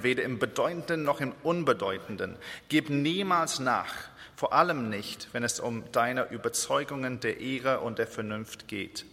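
A man's voice: medium pitch, sharp tone. Earnest man preaching in a reverberant hall. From Israel. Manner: earnest, with frequent hesitations and slow emphatic repetitions. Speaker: guest preacher. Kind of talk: sermon.

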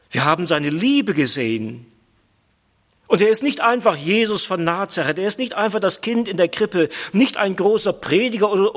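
A man preaching a sermon with emphatic repetition, slowing down on key words. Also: high voice. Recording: long reverb of a large hall.

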